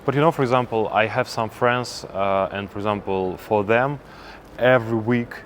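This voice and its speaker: A man's voice: lowish voice, a little hiss or hum. A man from Russia with a Russian accent, hosting a casual interview in easygoing, non-native English. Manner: easygoing, simple non-native phrasing, quick laughs. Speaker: interviewer, host.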